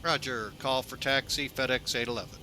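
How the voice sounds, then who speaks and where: A man's voice: medium pitch, a little fast. A man streaming a flight simulator as an airline pilot, speaking into a headset mic and chatting casually with viewers. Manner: relaxed, talks to viewers as "folks". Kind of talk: casual commentary while flying a simulator.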